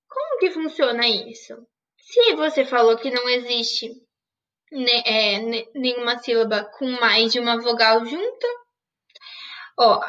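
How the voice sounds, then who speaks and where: A woman teaching a grammar lesson in a high, bright voice. She asks questions and answers them herself. The recording sounds distant and slightly muffled. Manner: didactic, asks and answers her own questions.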